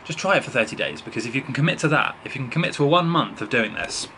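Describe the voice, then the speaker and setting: This twenty-something man speaks very fast in a sharp, mid-range voice with big pitch swings, offering informal health advice directly to camera. He's indoors in a small bedroom with the camera at arm's length on a desk, and a slight hiss or hum sits under his explanations, which are dotted with "right?" and "okay?"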